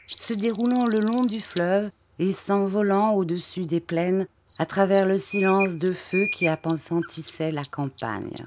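A woman narrating a classic novel in a measured, unhurried reading voice. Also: medium pitch, noisy background. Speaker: audiobook narrator. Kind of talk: scripted literary narration.

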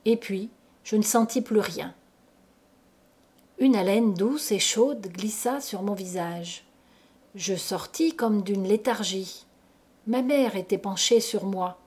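A woman narrating a gothic tale aloud in a slow, measured, dramatic reading. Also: medium pitch, darkish tone, husky. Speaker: audiobook reader. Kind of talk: literary audiobook narration.

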